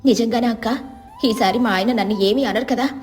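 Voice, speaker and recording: Woman voicing a sharp-tongued young wife, resentful, quick snapping complaints, fairly high voice, storybook style. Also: faint music behind, lightly acted. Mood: complaining.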